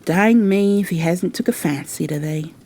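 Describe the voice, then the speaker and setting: A woman's voice: on the low side, normal speed, warm tone. A woman voicing a surly, blunt old moorman gardener with a Yorkshire dialect in a storybook reading. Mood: gruffly amused. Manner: gruff, blunt dialect speech.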